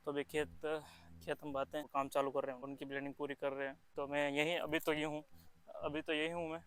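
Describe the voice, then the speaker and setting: A man's voice: a little high, little pitch movement, a little fast, fairly bright tone, clear, resonant tone. A young man, chatting casually and rambling through a farm vlog outdoors in a field on a handheld mic. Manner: chatty, rambling, with restarts and fillers. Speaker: farming vlogger.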